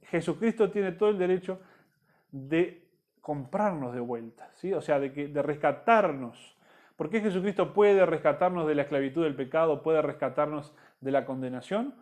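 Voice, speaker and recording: A man's voice: fairly high pitch, darkish tone. A man teaching a church discipleship Bible class in Rioplatense Spanish, repeating key points and checking in with the listeners.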